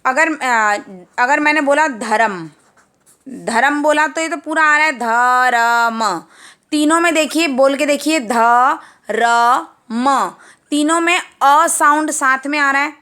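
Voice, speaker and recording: A woman teaching Hindi grammar to young children, patiently repeating each word and sounding it out slowly. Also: high voice, pushed and bright. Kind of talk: explaining grammar at a whiteboard.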